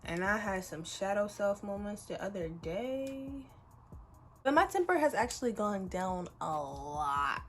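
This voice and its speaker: Young woman, about twenty, casual storytime, animated, chatty, faint background hiss. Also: medium pitch, unhurried. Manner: animated, chatty, swearing, frequent laughs and fillers. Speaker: vlogger.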